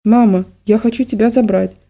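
An anxious middle-aged daughter from an audiobook who pleads softly, read by a woman close to her own voice. The tone is mellow and dark. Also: medium pitch, fairly even intonation, a little fast, creaky. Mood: anxious, pleading. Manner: soft, pleading.

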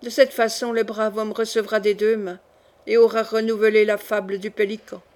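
A bold young duchess, read by a woman, who lays out a daring plot in a brisk, teasing, conspiratorial way. The voice sits at a middle pitch and is read like a storybook. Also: little pitch movement, a little mellow, close to an everyday voice. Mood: explaining. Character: scheming bold young noble duchess, playful.

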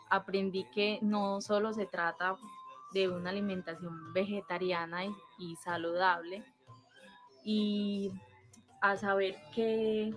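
Hesitant young woman, flat voice. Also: mid-range voice. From Colombia. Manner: hesitant, with pauses and fillers. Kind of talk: video testimonial.

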